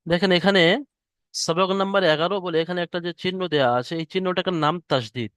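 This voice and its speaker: Man teaching, smooth and bright. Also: sits high, no echo, clean studio sound. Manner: slow, drawn-out demonstration of letter sounds. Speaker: Quran reading teacher. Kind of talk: online class instruction. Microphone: headset or computer mic on an online class call.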